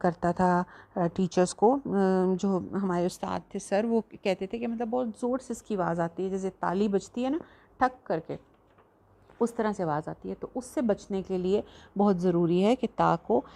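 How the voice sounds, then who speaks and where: A woman teaching a tajweed lesson, patiently explaining and slowly demonstrating each letter sound. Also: mid-range voice, gravelly, mellow. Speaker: Quran recitation teacher.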